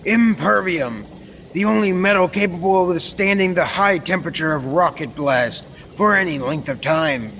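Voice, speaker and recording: A student actor, a young man, takes on the role of an earnest, proud scientist-inventor in an old-time radio serial. His voice is high and moderately paced, and his explanations are formal and technical. Steady background noise fills the reverberant hall.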